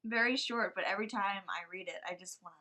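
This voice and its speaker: A teenage girl co-hosting a casual podcast chat, soft-spoken, gushing and playful. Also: medium pitch, fast talker. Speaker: podcast co-host.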